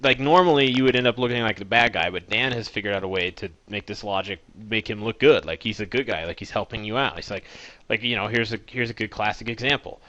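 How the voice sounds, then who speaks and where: A man's voice: lowish voice, fast talker, sharp tone, no echo, highs cut off. A man hosting a casual podcast chat, animatedly retelling his friends' antics. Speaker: podcast host.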